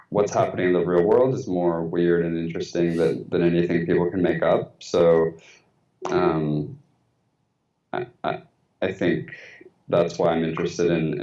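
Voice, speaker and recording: This phone-in interview guest, a writer from Mexico who speaks with an American accent, has a deep, dark-toned voice. He comes across as hesitant and reflective, full of filler words, and the line sounds thin and echoey.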